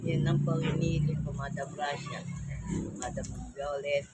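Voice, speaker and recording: A woman's voice: sits low, flat delivery, normal speed. Woman from the Philippines, pleading appeal to viewers, outdoor street take with heavy traffic noise. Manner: pleading, repeats thanks and names. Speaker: woman asking viewers for help.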